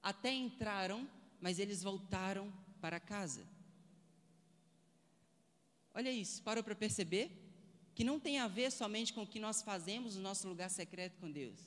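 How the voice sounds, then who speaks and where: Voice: medium pitch, moderate pace, long pauses, a bit bright, in a large hall. A preacher giving a sermon, asking the listeners one rhetorical question after another.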